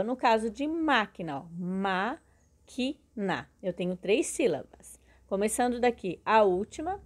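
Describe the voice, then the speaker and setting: A woman teaching a recorded grammar lesson, explaining slowly and splitting words into syllables, often checking in with her students. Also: a little high, darkish tone.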